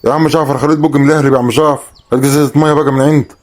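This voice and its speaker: A man's voice: medium pitch, fairly even intonation, rapid-fire, lightly acted. An actor with an Egyptian accent playing a quarrelsome man arguing over spicy food at a street stall. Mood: bickering. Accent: Egyptian Arabic. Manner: quarrelsome, teasing. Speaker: actor in a web drama.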